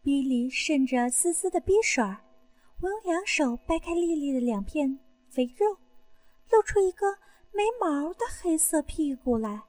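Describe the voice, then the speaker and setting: A woman narrating an erotic audio story in the first person, intimate and breathy. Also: high voice, animated, moderate pace, darkish tone, no echo.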